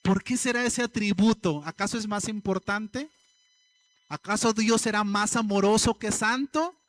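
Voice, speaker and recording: A man preaching a sermon as pastor, posing rhetorical questions to the congregation and slowing down to stress scripture. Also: sits high, fairly bright tone.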